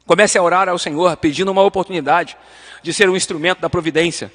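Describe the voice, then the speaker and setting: A man's voice: high voice, steady tone, quick pace, a bit bright, big-room sound. A man with a Brazilian Portuguese accent teaching a church Bible class, fervent and direct, often calling his listeners beloved and acting out little dialogues. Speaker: Sunday school teacher.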